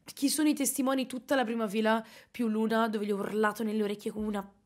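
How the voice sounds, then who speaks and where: Milanese girl streaming, bit hoarse, chatty and animated, kinda high voice. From Italy. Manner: chatty, animated, quick asides to chat. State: slightly hoarse after concerts. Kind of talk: casual live-stream chat.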